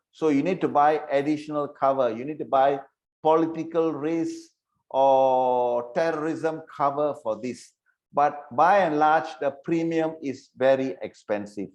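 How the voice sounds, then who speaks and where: A man's voice: mid-range voice, darkish tone, dull audio. A man teaching an online insurance training session, repeating key points and checking that listeners follow.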